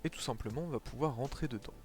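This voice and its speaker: A fast-talking man with a mid-range voice streams gameplay live, casually explaining things to viewers and leaning heavily on fillers. Faint music runs in the background.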